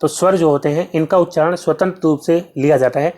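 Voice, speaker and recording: Hindi teacher doing exam prep, keeps asking a question then answering it himself or herself, tons of "जो है" filler, mid pitch. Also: fairly even intonation, fast talker, warm tone. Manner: drills with self-posed questions and answers; heavy use of filler "जो है".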